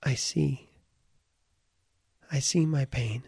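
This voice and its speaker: A man with a deeply husky, gravelly voice talks a listener slowly through a guided visualization. His tone is dark and relaxed, and he often sinks to a whisper. The sound is dry and close, with no room around it. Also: dry recording. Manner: calm, soft-spoken, drifts into whispers. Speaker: guided meditation leader.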